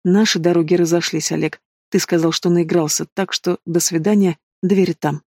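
A man's voice: sits high, fairly even intonation, moderate pace, no room sound, clean studio sound. A man voicing a frightened but defiant young pregnant woman in an audiobook. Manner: sharp and defiant.

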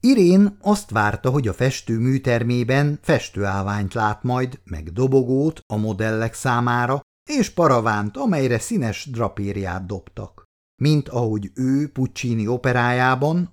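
Expressive male story reader. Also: mid-range voice. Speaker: narrator. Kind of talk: reading a novel aloud.

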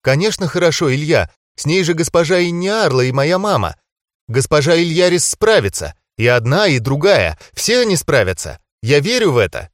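A caring young werewolf healer woman, voiced by a male narrator, lifting his voice higher to sound gentle but insistent. The audiobook reading is close and dry, with no room sound behind it. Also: sing-song, normal speed, no room sound. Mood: reassuring. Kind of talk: audiobook character voice.

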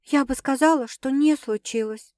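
Woman reading as a grumbling young woman, sour, dry, higher voice, no room sound. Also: normal speed, a little mellow, no echo, lightly acted. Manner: grumpy, dry, sulky. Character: grumbling young woman, new at a city job. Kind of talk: audiobook character voice.

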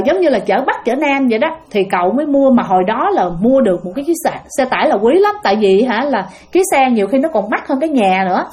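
A woman with a Southern Vietnamese accent tells ghost stories in a chatty, casual way. Her voice sits fairly high, and she fills her speech with little fillers as she talks to her listeners. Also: a little mellow. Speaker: storyteller. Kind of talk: casual spoken ghost storytelling.

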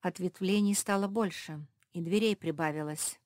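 A woman's voice: fairly low pitch, moderate pace, a little mellow, dry recording, studio quality, natural voice. A woman voicing a thoughtful, clever female pug who patiently explains and asks. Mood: puzzled.

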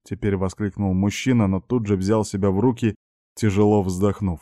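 A man narrating an audiobook in an even, measured storytelling way, close to the mic. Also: fairly low pitch, dry recording.

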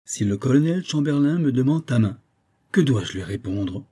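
A man's voice: mid-range voice, expressive, moderate pace, dark tone, slightly rough. A man voicing a frank, fatherly older baron who speaks earnestly and cordially. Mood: warm.

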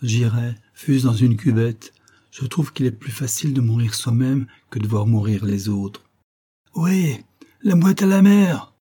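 A man's voice: medium pitch, steady tone, moderate pace, mellow, slightly rough, close to an everyday voice. A man voicing an impetuous young naval lieutenant in a raised, urgent voice for a storybook reading.

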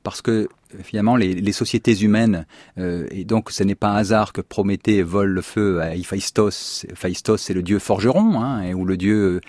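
A man speaking as a philosopher guest on a radio show, halting and restarting while he searches for words. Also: lowish voice, darkish tone, dry recording, studio quality. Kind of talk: radio discussion.

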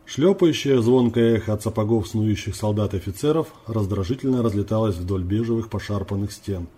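Mellow, husky male storyteller. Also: brisk. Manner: reads dialogue with lifted pitch for characters. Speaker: narrator. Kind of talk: audiobook reading of a story.

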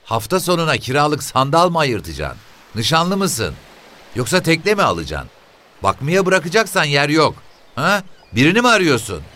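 A man voicing an old woman, a fishermen's mother, with a shrill, grating voice and sharp, pestering questions. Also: big pitch swings, normal speed. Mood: prying. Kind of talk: audiobook character voice.

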